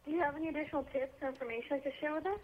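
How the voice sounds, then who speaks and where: A bubbly woman interviewer speaks fast in a high voice. Her voice comes through a tinny phone line with a faint hiss behind it. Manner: bubbly, enthusiastic. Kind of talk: interview hosting.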